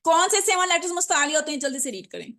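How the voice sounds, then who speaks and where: Lady tajweed teacher, high voice, says each word slowly again and again, mixes in words. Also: very animated, a bit bright, a little hiss or hum. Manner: patient, repeats words slowly for pupils. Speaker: Quran recitation teacher. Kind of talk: online tajweed lesson.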